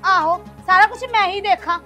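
A woman's voice: extremely high pitch, fairly even intonation, bright, forceful tone. A woman playing a resentful, overworked daughter-in-law. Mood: defiant. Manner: complaining, quick and defiant. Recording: music under the dialogue.

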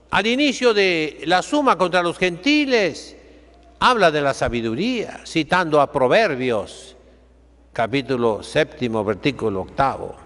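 Older priest preaching slowly in a reverberant chapel. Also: male voice, high-pitched, fairly bright tone. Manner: slow, emphatic preaching with sweeping rises and drops. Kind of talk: sermon. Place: chapel sanctuary, seated by the altar.

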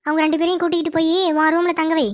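A woman doing a bossy high-pitched mother-in-law. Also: flat delivery, rapid-fire, no room sound, studio quality. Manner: commanding, scolding servants. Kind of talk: cartoon voice acting.

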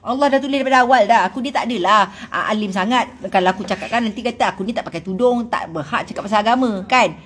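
A woman from Malaysia with a Malaysian Malay accent, scolding her online critics in a blunt, animated casual rant. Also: on the high side, fast, hardly any pauses, breathy edge. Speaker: celebrity vlogger.

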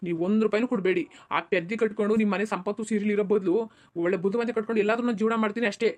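A headstrong young son in a village cartoon, voiced by a woman, arguing back hard. He speaks very fast, in a mid-pitched voice. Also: fairly even intonation, darkish tone, natural voice. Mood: defiant. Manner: argumentative, insistent. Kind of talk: cartoon dubbing.

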